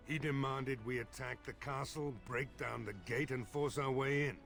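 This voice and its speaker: A gravelly, weary village mayor. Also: male voice, medium pitch, fairly even intonation, moderate pace, a bit bright, faint music behind. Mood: weary urgent. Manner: blunt, weary and pleading. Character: worried male village mayor, middle-aged, blunt.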